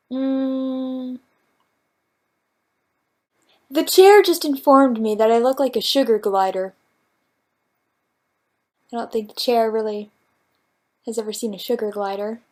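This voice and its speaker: A woman's voice: a little high, a little slow, pauses often. Playful woman chatting to camera. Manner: playful, rambling, jokey. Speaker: vlogger answering viewer questions. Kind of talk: casual chat to camera. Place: at home, talking to her cat.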